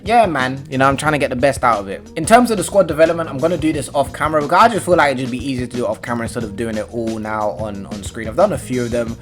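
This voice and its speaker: A young man giving casual, slangy commentary on a football game. He rambles and breaks into sudden loud, excited outbursts. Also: medium pitch, rapid-fire, few pauses, faint music behind. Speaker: gaming YouTuber.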